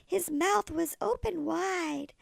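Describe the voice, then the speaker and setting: A woman reads a picture book like a sweet old lady, in a high voice with plenty of creak. She goes slowly through the rhymes. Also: dry recording, studio quality. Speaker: storybook reader. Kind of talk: children's storybook read-aloud.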